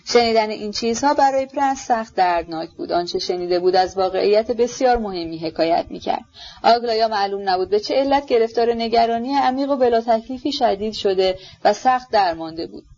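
A woman reading a classic novel aloud as an audiobook narrator, in a measured storytelling manner. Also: fairly high pitch, a little mellow, highs cut off. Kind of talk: scripted literary narration.

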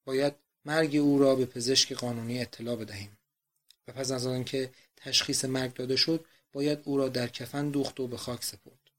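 A man voicing a young male student who speaks gravely and matter-of-factly in a read-aloud novel. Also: mid-range voice, steady tone, fairly bright tone, natural voice.

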